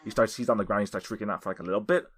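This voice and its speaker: A man's voice: fairly low pitch, steady tone, rapid-fire, husky. A man co-hosting a casual anime chat, talking in a hesitant way with many restarts. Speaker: podcast co-host.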